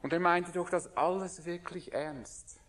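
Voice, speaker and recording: A man preaching a sermon in an earnest manner, sometimes dropping to a hushed voice. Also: sits high, steady tone, measured pace, in a large hall.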